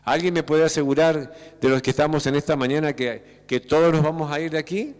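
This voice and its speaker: Male pastor, Rioplatense accent, fairly high voice, sermon with rhetorical questions, reverberant church. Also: fairly even intonation, a little fast. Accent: Rioplatense Spanish. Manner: voseo, rhetorical questions, acts out church members. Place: church sanctuary.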